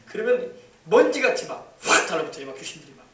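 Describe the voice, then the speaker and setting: A man's voice: sits high, sing-song, fast talker, fairly bright tone. A man pastor preaching a sermon with emphasis, often repeating words and calling out hallelujah. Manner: emphatic, repetitive, calls out hallelujah. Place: church sanctuary. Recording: echoey church hall from far off.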